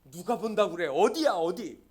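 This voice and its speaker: Gruff scolding father, impatient, sermon story, male pastor voicing. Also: sits high, expressive, moderate pace. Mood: irritated.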